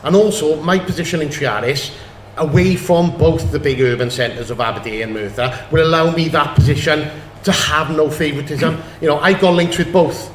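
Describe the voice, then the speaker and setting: A man's voice: fairly high pitch, moderate pace. A man with a South Wales Valleys accent answering as a candidate at a public hustings. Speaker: election candidate. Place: indoor public meeting hall. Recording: echoey hall, faint noise.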